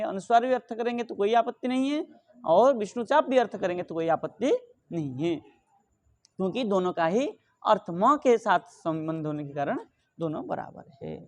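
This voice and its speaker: A middle-aged man teaching Sanskrit grammar, asking questions and answering them himself, reciting the rules slowly. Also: high voice. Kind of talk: explaining grammar rules in a lesson.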